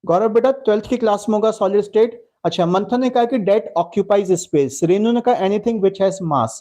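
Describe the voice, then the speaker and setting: A man's voice: sits high, normal speed, warm tone. A man with an Indian accent teaching a live online chemistry class, answering students' chat messages in a fatherly, reassuring way.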